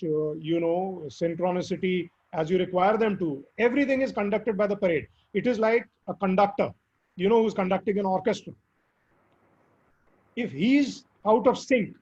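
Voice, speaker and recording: A man with a hoarse, squeaky voice from recent illness, answering interview questions earnestly and emphatically. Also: a little mellow. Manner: earnest, emphatic advice with fillers. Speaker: guest speaker. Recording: dull lo-fi audio.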